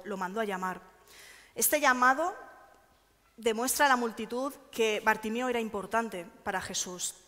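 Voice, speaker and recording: A woman delivering a church sermon, earnest and measured as she reads scripture aloud. Her mid-range voice carries through a long, ringing hall reverb. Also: medium pitch, a bit bright. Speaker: preacher.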